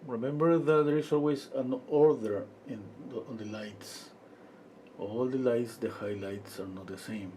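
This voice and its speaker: A man from Peru teaching a live-stream painting lesson, quiet and unhurried, often trailing off into murmurs as he works. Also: medium pitch, a little hiss or hum. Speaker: painting instructor.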